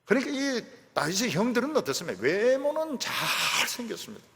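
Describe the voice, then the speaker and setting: A middle-aged male pastor preaching an animated sermon, repeating phrases for emphasis. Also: very high-pitched, a little fast, vocal fry, big-room sound.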